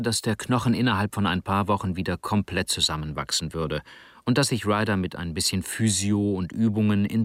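A man narrating an audiobook in an even, matter-of-fact way. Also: on the low side, dry recording, clean studio sound.

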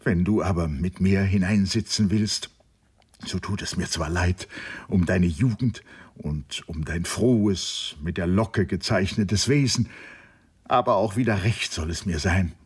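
A man's voice: low voice, unhurried, breathy edge, exaggerated voice. A man doing a grave, lovesick young man. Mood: grave despair. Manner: earnest, grave. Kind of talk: audiobook character voice.

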